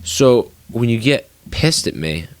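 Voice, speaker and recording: A young man co-hosting a podcast, telling stories in fast, profane, animated casual chat. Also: medium pitch, dry recording. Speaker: podcast co-host.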